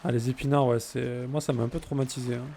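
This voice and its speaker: A man's voice: medium pitch, level tone, fast talker, gravelly, warm tone, a little hiss or hum. A man chatting casually and jokingly while streaming a game, answering his viewers' messages. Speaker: let's play streamer. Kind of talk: casual gameplay chat with viewers.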